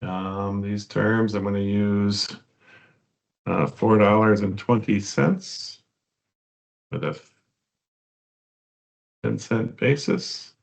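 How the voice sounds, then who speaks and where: A man with a fairly low voice and some vocal fry demonstrates software in an unscripted walkthrough. He explains one step at a time, his delivery halting as he works through each part.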